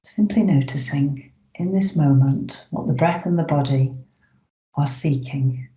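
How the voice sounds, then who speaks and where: A meditation guide talking listeners through breathing counts in a soft, unhurried, soothing way, sometimes dropping almost to a whisper. The tone is mellow and warm. The recording sounds roomy and a little dull, as if captured in an echoing space. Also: mid-range voice. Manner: soft, slow, soothing delivery with drawn-out pauses.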